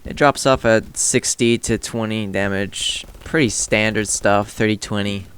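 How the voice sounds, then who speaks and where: A man's voice: lowish voice, steady tone, a little slow, a bit bright, clear, resonant tone. A man giving a casual, offhand video game review in a rambling, noncommittal way.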